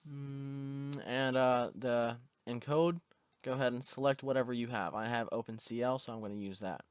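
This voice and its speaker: A man with hiccups hosting a casual screen-recorded tutorial, walking through the steps in a relaxed way with fillers. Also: medium pitch, normal speed, clear, resonant tone, no room sound. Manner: relaxed step-by-step instructions with fillers. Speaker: tutorial host.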